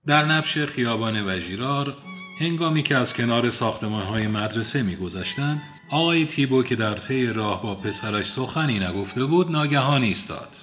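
A man reads a novel aloud in an even, deliberate manner, his voice bright and forceful. Soft music plays faintly beneath him in this audiobook program. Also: mid-range voice. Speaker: host and reader. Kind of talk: scripted reading of a novel.

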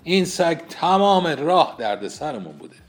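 A man's voice: a little high, big pitch swings, soft background music, voice pushed up. A man reading aloud and giving voice to an irritable, pompous young man who grumbles impatiently. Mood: grumbling.

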